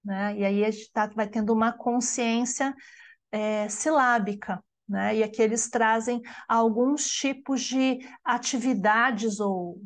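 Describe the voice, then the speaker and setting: Slow-speaking Brazilian woman teaching. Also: on the high side, steady tone. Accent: Brazilian Portuguese. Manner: explanatory, frequent tag "né?", slows to pronounce words syllable by syllable. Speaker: teacher leading a study group. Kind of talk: online lecture on bilingual education.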